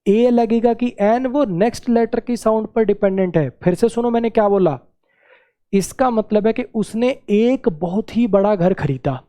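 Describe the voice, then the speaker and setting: A man's voice: sits high, unhurried, warm tone. A man teaching English grammar in a classroom-style lesson, repeating key words and checking that students follow.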